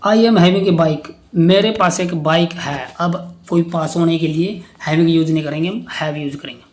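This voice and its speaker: Indian man teaching English grammar. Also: on the high side. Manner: slow deliberate reading of English example sentences, explaining in Hindi. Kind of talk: classroom lecture.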